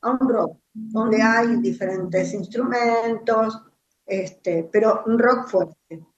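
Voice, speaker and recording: A woman co-hosting a talk, who speaks in an unhurried, reflective way. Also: on the high side, echoey room, muffled recording. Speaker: co-host. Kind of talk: conversational talk.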